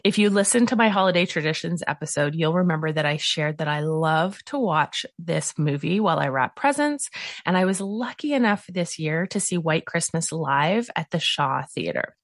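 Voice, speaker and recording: Woman, podcast host, casual solo chat, enthusiastic and gushing, slightly low voice. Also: animated, moderate pace, no echo, studio quality.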